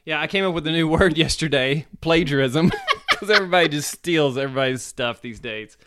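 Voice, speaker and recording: A man's voice: fairly high pitch, fairly quick, very noisy. A man co-hosting a casual podcast, telling corny jokes and chuckling at them. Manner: chuckling, corny joke delivery. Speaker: podcast co-host. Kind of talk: casual joke-telling chat.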